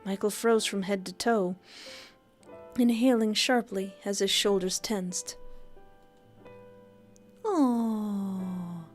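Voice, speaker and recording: A woman streamer reading a visual novel aloud on a livestream, playful and quick to laugh between the story's lines. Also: mid-range voice, faint music behind. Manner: lively, playful, laughs often.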